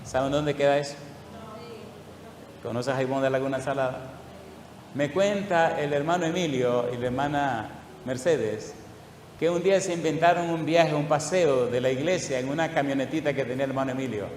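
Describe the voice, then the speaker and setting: A male pastor preaching a sermon, asking the congregation question after question and drawing out scripture readings slowly. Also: mid-range voice, darkish tone. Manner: asks the congregation repeated questions; slow, drawn-out emphasis on scripture. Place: church hall. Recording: echoey hall, faint room noise.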